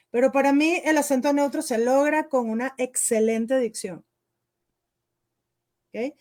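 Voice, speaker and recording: A woman with a Venezuelan accent and a fairly high voice explains how dubbing works, in a patient teacherly way. She keeps checking in with her listener with a quick "¿ok?" as she goes. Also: a little mellow. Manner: explanatory, peppers speech with "¿ok?". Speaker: voice actress and dubbing instructor. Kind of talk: interview answers.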